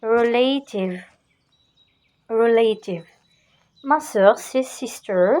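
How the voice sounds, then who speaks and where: A woman's voice: on the high side, drawn-out words. A woman vocabulary in to a class, repeating each word several times and urging the learners to repeat after her. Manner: coaxes the class to repeat louder. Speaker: English teacher.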